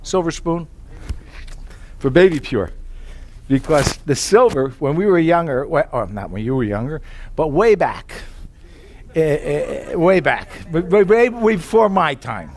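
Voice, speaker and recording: A man pitches tableware to a live audience in a slightly raised voice. He spins chatty personal stories, quotes his own past thoughts in little asides, and keeps checking in with his listeners. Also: lively intonation, unhurried, long pauses, slight background noise. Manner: chatty storytelling with rhetorical questions. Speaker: sales presenter.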